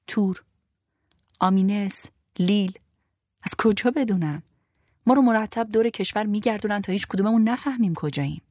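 A woman reading an audiobook voices a weary, bitter Frenchman, a fellow prisoner who talks in a flat, sarcastic way. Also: on the low side, no echo, natural voice. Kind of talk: audiobook character voice.

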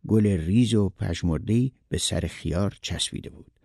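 A man calmly narrating a short story in a measured reading style. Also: low-pitched, vocal fry, husky, no echo, clean studio sound.

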